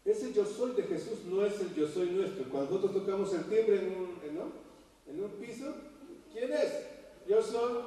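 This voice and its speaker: A man preaching a sermon, animated, getting loud when he quotes cries and asks rhetorical questions. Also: high voice, normal speed. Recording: echoey hall heard from far off.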